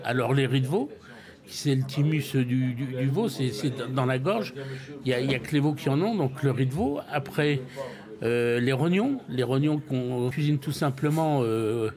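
An older man from France, a restaurant owner, telling stories in an interview with many restarts and repeated words. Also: medium pitch. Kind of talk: interview, casual storytelling.

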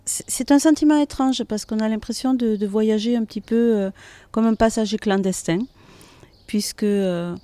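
A woman's voice: on the high side, dark tone, no echo. A woman with a Toulouse accent giving a conversational interview, often hesitating as she searches for words. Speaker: guest, metro announcer and singer. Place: hotel courtyard in city centre.

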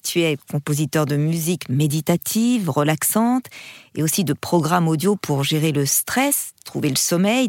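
A woman's voice: fairly low pitch, a little mellow, no room sound, studio quality. A woman presenting a wellness show as a public radio host.

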